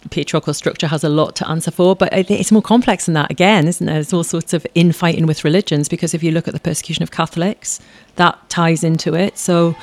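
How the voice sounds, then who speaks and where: Chatty and rambling, a guest performer, a woman, keeps restarting her sentences and tacking on tag questions during a conversational interview. She has a deep voice, recorded with no echo.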